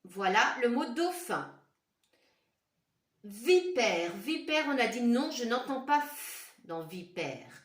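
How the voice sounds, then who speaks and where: Slow, lively woman teacher in echoey room. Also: fairly high pitch, distant mic. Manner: slow, clearly articulated, repeats words syllable by syllable; talks directly to children, asking questions. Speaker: primary school teacher. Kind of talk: home-school phonics lesson for young children. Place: classroom or home room with a whiteboard.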